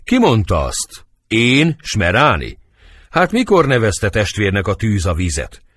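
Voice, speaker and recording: A man's voice: lowish voice, huge pitch swings, a bit bright, slightly rough, exaggerated voice. A man voicing a hot-tempered nobleman who curses and rages in bitter outbursts, in an audiobook reading of a play. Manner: fiery outbursts, bitter growling. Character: hot-tempered cursing adult male nobleman.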